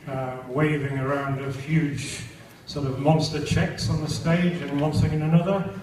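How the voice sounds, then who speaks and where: A man's voice: fairly high pitch, little pitch movement, measured pace. Older British man speaking in an echoey hall. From Britain. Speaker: event speaker. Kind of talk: testimonial speech at an event. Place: large event hall. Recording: echoey hall, distant mic, noisy.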